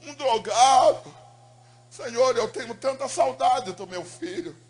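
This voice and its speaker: A man's voice: very high voice, takes it slowly, pitched above the performer's own voice. A man voicing his elderly mother, praying fervently and pleading for her lost son. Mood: tender prayer.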